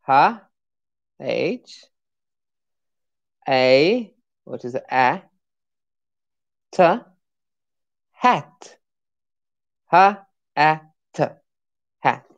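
A woman with a low voice leads a live-streamed pronunciation lesson. She talks very slowly, drawing out each letter and word and encouraging listeners to say them along with her. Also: lively intonation, dull audio. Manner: slow, drawn-out sounding of letters and words; encouraging, asks viewers to repeat along. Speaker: English pronunciation teacher.

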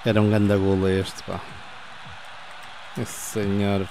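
A man in his fifties with a European Portuguese accent, doing playful football commentary over his own gameplay, yelling goal calls and cheering players on between calm score recaps. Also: lowish voice, slow, background noise. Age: 50s. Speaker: gaming channel host.

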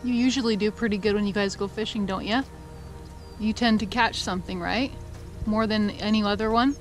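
A woman's voice: mid-range voice, fairly even intonation, a little fast, soft background music. A woman in her thirties chatting casually to a handheld camera in a vlog, upbeat and playful. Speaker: vlogger. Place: restaurant indoors, then lakeshore outdoors.

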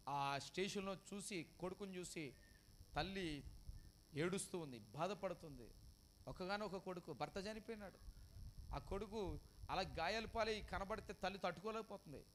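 A man delivers an emotional sermon built on storytelling, his voice high-pitched and his pace moderate. He repeats phrases, puts questions to the congregation, and shifts between loud cries and hushed lines, pausing often. Slight background noise can be heard.

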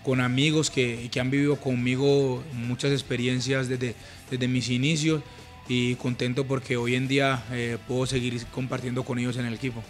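This Colombian footballer from Urabá gives reflective interview answers in an earnest, calm, flat voice of middle range, at a moderate pace with many small restarts and fillers. He sits on a living room sofa holding a handheld mic at chest level while soft music plays in the background.

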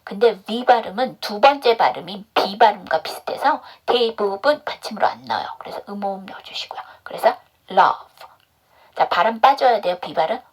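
Speaking briskly with few pauses, this woman has a husky, medium-pitched voice and lively intonation. She leads an online phonics lesson on English pronunciation, working through drills by asking and then answering her own questions.

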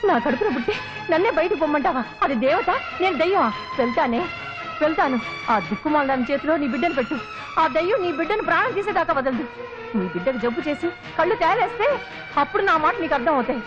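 An actress playing a sharp-tongued, scheming mother who curses bitterly and puts on melodramatic wailing. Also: high-pitched, expressive, fast, lo-fi sound, music in the background. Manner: scolding, melodramatic cursing and fake wailing. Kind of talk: TV serial comedy acting.

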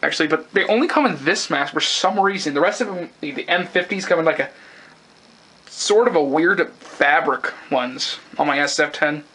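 Young adult male reviewer, high bright voice, halting and sweary, off-the-cuff product rundown. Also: breathy edge, rough recording. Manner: rambling, halting, casually sweary. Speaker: gas mask collector and reviewer. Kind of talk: casual unscripted product review. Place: indoors, close-up tabletop video.

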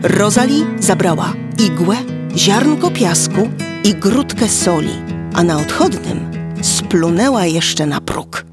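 A woman reading a fairy tale aloud for children, slow and expressive. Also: medium pitch, over loud music. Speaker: storyteller.

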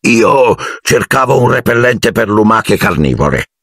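A man doing a gruff, blunt giant of a gamekeeper in an audiobook, growling and grumbling through low, husky words. He sounds close and dry, with no room around him. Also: very animated, measured pace, a bit bright, dry recording, full character voice.

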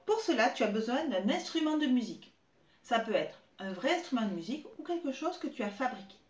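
A woman in her thirties teaching young children remotely, spelling out syllables slowly and clearly as she claps. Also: a little high, sing-song. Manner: slow, clear, exaggerated syllable clapping. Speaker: preschool teacher. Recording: echoey room with faint noise.

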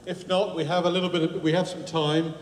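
A man hosting a live event, making brisk, practical announcements to the audience. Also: fairly high pitch, level tone. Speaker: event organiser and host. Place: large echoey hall. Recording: echoey hall, faint room noise.

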